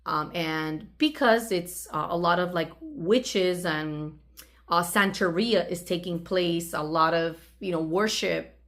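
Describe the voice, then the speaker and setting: Taking her time, a channel host with a fairly low but fairly bright voice shares a personal story. Her delivery is casual and conversational, with bits of dialogue acted out.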